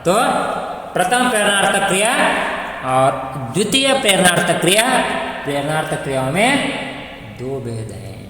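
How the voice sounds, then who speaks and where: A man teaching children grammar in a slow, deliberate way, repeating each word and stretching some out. His voice is bright and fairly high for a man. He sounds far from the mic in a roomy space with a long echo. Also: big pitch swings. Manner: slow, repetitive, drawn-out drilling of words. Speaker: school Hindi teacher.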